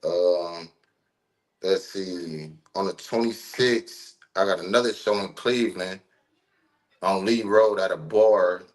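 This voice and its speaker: Speaking slowly in a deep voice, a rapper from Ohio in his thirties chats as a podcast guest. The talk is laid-back and full of slang, meandering with many fillers.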